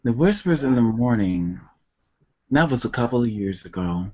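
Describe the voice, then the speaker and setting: A man's voice: medium pitch, sing-song, normal speed, mellow, lo-fi sound. A man, a poet guest, reading his love poems with emotional intensity and then talking about where they came from. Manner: emotional, intense, tender delivery. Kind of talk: slow poetry reading and interview answers.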